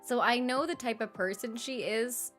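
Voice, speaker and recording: Animated young woman chatting with her stream. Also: on the high side, moderate pace, faint music behind. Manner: animated, laughs often, reads chat aloud. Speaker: streamer chatting with live chat. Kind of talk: casual livestream chat.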